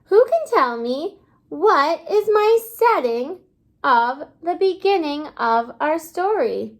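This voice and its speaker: In a high, animated voice, a female kindergarten teacher reads slowly to young children during a lesson, stopping to pause and pose questions that draw them in.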